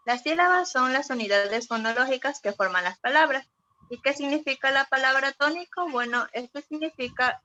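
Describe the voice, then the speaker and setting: A woman's voice: a little high, pushed and bright. A young woman giving a student class presentation, explaining definitions step by step. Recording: dull lo-fi sound.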